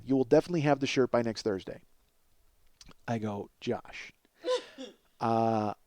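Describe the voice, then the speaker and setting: A comedy podcast host in his forties tells a winding story that pokes fun at himself. He curses freely and plays every part of the dialogue. He has a medium pitch and a darkish tone, recorded with clean studio sound and no room sound.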